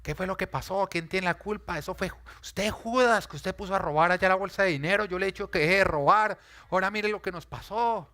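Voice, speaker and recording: A preacher acting out a panicked, accusing disciple. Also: male voice, sits high, brisk, pitched above the performer's own voice. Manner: shouting blame, agitated. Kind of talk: sermon role-play.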